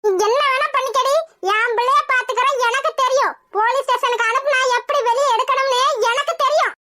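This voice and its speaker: Woman doing a shrill, quarrelsome village mother. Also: fairly even intonation, fairly quick, sharp tone, slight background noise. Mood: defiant. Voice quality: shrill, scolding. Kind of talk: cartoon voice acting.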